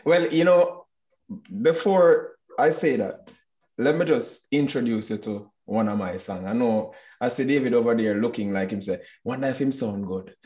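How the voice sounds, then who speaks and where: A man's voice: mid-range voice, moderate pace, dark tone. A man, a reggae singer chatting easily and joking as a guest. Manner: easygoing, joking, laid-back. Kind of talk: casual video-call chat.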